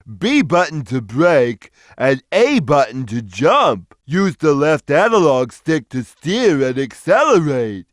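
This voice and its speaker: An actor playing a big, gentle, simple-minded cartoon cat in a video game, speaking in a slow, earnest, friendly way. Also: male voice, fairly high pitch, very animated, no room sound, studio quality. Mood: helpful, calm. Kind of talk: video game character lines.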